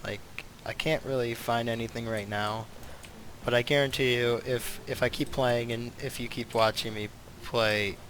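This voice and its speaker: A game streamer gives casual gameplay commentary, rambling and thinking aloud in a steady, mid-range voice at a moderate pace. Video game music plays behind him, along with crowd noise.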